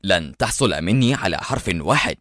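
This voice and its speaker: A man voicing a cocky male criminal agent who turns sharp and agitated under pressure, as an audiobook reader. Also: fairly low pitch, very animated, fairly quick, dry recording, clean studio sound. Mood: defiant.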